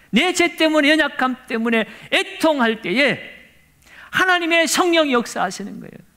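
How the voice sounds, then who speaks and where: A male pastor delivers an earnest sermon, speaking straight to his congregation. His voice sits very high for a man and rings bright and forceful. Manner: earnest preaching, addressing the congregation directly.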